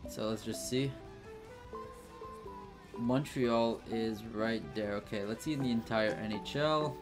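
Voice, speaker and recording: A man's voice: on the low side, a little slow, over music. A man giving casual, think-aloud commentary over his gameplay, with frequent fillers and restarts. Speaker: gaming channel host.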